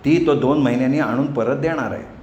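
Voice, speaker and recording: A man's voice: mid-range voice, a little mellow, muffled recording, natural voice. A man voicing a stern, commanding old village grandmother in a storybook reading, recorded in an echoey room. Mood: scolding. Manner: brisk scolding, commanding. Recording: echoey room, faint noise.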